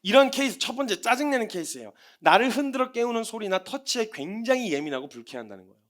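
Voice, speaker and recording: Brief: male missionary preacher, sermon delivery, fast, high-pitched, acts out scenes. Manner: animated, acts out everyday scenes.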